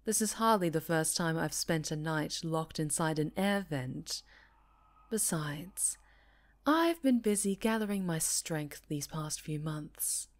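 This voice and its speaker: In an ASMR roleplay, a woman plays an obsessive, possessive winged supervillainess, theatrical and breathy, often dropping into whispers with menacing tenderness. Her low voice moves slowly with lively intonation in an echoey room, by turns taunting and adoring.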